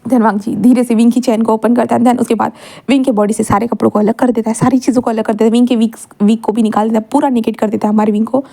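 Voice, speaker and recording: A young woman tells a romance story at a brisk clip, voicing the dialogue herself and slipping English words into her sentences. Her voice sits a little high yet sounds mellow and soft-edged, with easy fillers and restarts along the way. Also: little pitch movement, vocal fry. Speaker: fan fiction narrator. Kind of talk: casual storytelling narration with dialogue.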